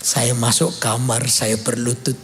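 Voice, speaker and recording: A man's voice: mid-range voice, a little slow, echoey room, a little hiss or hum. A male pastor, preaching a sermon and acting out the dialogue as he tells his story. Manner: animated storytelling, acts out dialogue, calls for amens. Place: church service.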